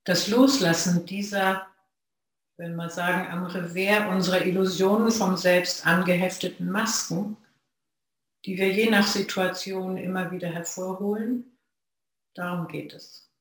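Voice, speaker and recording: A Zen practitioner gives a reflective dharma talk to a sangha, speaking in measured phrases with long pauses. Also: mid-range voice, fairly even intonation. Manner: slow, measured, pausing between phrases. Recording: very echoey room.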